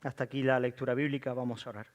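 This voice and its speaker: A man, a pastor reading scripture aloud and then leading a prayer in a solemn, deliberate way. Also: mid-range voice, level tone, muffled recording.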